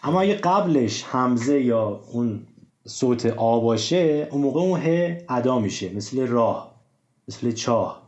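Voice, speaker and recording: Man, host, explanatory, mellow voice, echoey room. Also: medium pitch, lively intonation. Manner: explanatory, gives examples, hesitant fillers. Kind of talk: casual discussion of Persian writing rules. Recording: roomy, dull lo-fi sound.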